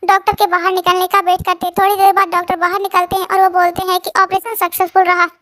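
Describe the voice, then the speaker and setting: A woman's voice: very high-pitched, flat delivery, quick pace, fairly bright tone, no room sound, clean studio sound. A woman casually narrating a love story, rambling and often restarting her sentences.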